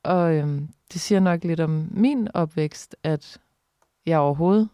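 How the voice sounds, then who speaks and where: A woman journalist speaking as a guest in an interview, frank and lively in her talk. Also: low voice, dry recording, clean studio sound. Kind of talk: casual conversational interview.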